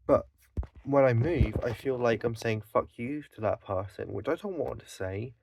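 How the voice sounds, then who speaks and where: This Scottish vlogger has a medium-pitched, creaky, slightly mellow voice and takes his time. He rants bluntly and profanely, exasperated, sighing and correcting himself as he goes, swearing a lot along the way.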